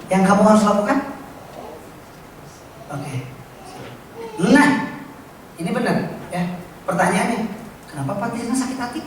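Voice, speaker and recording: A man's voice: sits high, lively intonation, a little slow, long pauses. Brief: playful male preacher, recorded from afar in a big echoing hall with faint noise. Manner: playful, teasing, asks the congregation questions. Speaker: pastor. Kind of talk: sermon with a live illustration. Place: large church hall. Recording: very echoey church hall from far off, faint noise.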